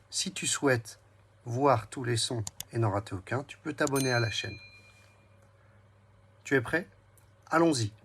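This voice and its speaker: A man giving a slow, patient reading lesson to a young child and spelling words out syllable by syllable. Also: medium pitch, slightly rough. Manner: speaks slowly, splits words into syllables.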